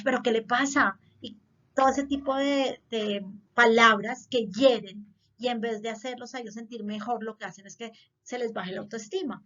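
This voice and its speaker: A woman's voice: a little high, fairly bright tone. A woman school counselor gives an earnest, explanatory talk to parents, repeating points for emphasis. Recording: slightly dull lo-fi audio.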